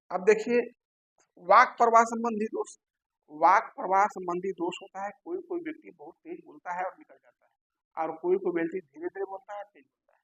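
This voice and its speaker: A man teaching a lecture, posing questions to his listeners and answering them himself, repeating key terms slowly. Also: high-pitched, fairly bright tone, husky, rough recording. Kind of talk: classroom lecture.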